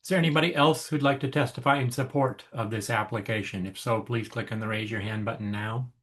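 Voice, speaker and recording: A man presides over a public hearing as the officer in charge. His voice is of average pitch. He moderates formally, inviting and directing speakers. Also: steady tone, fast, fairly bright tone.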